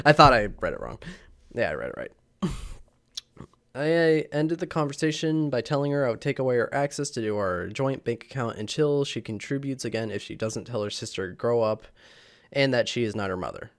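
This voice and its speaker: Very animated and fairly fast, with vocal fry in his mid-range voice, a young channel host reads posts aloud in a casual vlog. He sounds a little sick and keeps rambling, chuckling, and dropping fillers into the camera mic.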